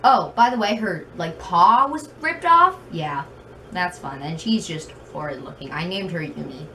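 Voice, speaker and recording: A woman's voice: fairly low pitch, lively intonation, measured pace, sharp tone. A woman with a very slight lisp telling stories in a casual, rambling, self-deprecating vlog style, recorded in her room. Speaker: video blogger. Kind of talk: casual chatty vlog storytelling. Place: bedroom at home. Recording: noisy room with fan, distant mic.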